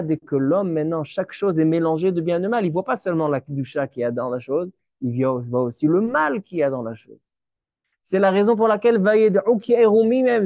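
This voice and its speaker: A man's voice: sits high, a little mellow, no room sound, studio quality. A man, a rabbi giving a Torah lesson, who explains step by step, asks and answers his own questions, and mixes Hebrew terms into his talk. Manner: repeats words while searching for them.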